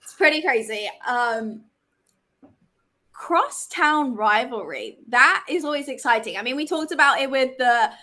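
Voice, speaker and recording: A woman's voice: high voice, expressive, measured pace, pushed and bright. A woman co-hosting a women's soccer preview in casual chat, laughing easily and inviting viewer comments. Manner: chatty, laughs easily, asks for audience comments. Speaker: soccer show co-host.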